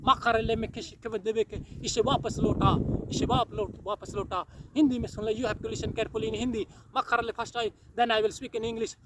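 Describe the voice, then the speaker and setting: A man's voice: sits high, distant mic, background noise. A man preaching a fiery, repetitive sermon, exhorting listeners and breaking into tongues. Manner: exhorting, repetitive, shifts into loud pleading.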